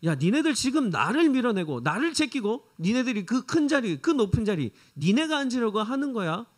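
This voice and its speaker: A boastful, jealous disciple, acted out by a male preacher, protests indignantly that he is the chief one. The voice is pushed well above the man's normal pitch and rises as he boasts. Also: sing-song, a little fast, exaggerated voice.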